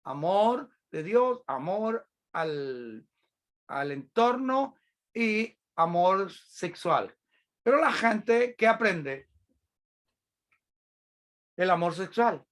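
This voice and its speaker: A preacher delivers a sermon in a measured, teaching manner. The pace is slow and unhurried, and the voice sits at a middling pitch. Key phrases are repeated as each point is drawn out. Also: very animated, a bit bright. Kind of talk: sermon, explaining a Bible passage. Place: church.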